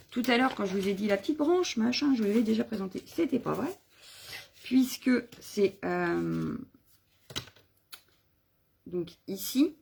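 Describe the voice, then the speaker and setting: A woman's voice: mid-range voice, darkish tone, a little hiss or hum. A woman chatting casually on a live craft video, showing her stamps and stencils, rambling with fillers and self-corrections. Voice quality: husky, gravelly.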